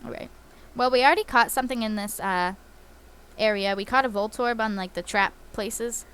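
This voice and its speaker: A woman's voice: on the high side, moderate pace, fairly bright tone, smooth. Giggly, chatty woman commenting on her gameplay. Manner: chatty and giggly, lots of fillers. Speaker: let's play host. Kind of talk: casual game commentary.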